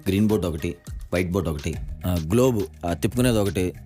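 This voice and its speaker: Anxious young writer, played by a man. Very quick rambling delivery over a film score. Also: deep voice, mellow, faint music behind, lightly acted. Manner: rapid, nervous, rambling. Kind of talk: film acting.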